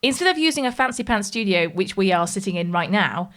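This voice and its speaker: A woman, co-hosting a podcast in a studio, chatty and teasing and quick to laugh. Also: medium pitch, lively intonation, fairly bright tone. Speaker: podcast co-host. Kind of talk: casual chat.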